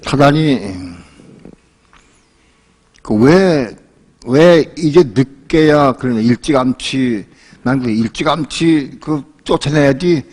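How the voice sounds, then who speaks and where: An older male pastor with a husky, slightly breathy voice at an ordinary middle pitch. He preaches in a loose, chatty way, spins personal stories, quotes other people's voices and laughs along at his own anecdotes. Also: expressive, takes it slowly, long pauses, darkish tone. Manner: colloquial storytelling, acts out quoted voices and laughs often. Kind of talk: sermon with personal storytelling.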